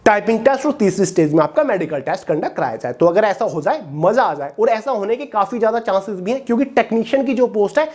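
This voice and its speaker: A woman's voice: medium pitch, mellow. A woman talks straight to exam hopefuls as a coaching educator. She walks through each update plainly and keeps stopping to make sure her listeners are following. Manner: direct, checks in with listeners often. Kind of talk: explanatory talk to exam aspirants.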